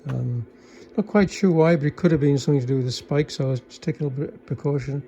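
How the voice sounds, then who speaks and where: An electronics hobbyist casually shows off a vintage car radio he has repaired, talking unscripted in a hesitant, understated, technical way. His voice is on the high side and dark in tone, and he speaks very fast.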